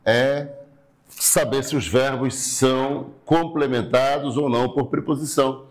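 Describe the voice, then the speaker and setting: A man's voice: medium pitch, steady tone, measured pace. Brazilian man teaching grammar class. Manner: explanatory, repeats words and checks in with "tá?". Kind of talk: recorded online class lecture.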